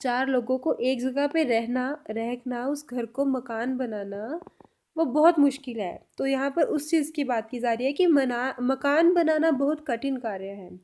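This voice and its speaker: Woman, high voice, language lesson, slow careful repetition of each phrase. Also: darkish tone. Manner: repeats each example sentence slowly, then explains it. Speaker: language teacher.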